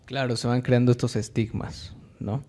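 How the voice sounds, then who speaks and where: A man's voice: mid-range voice, flat delivery, moderate pace, mellow. A man hosting a podcast interview, agreeing with his guest and asking follow-up questions. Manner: agreeable, asks follow-up questions, adds his own points. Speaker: podcast host.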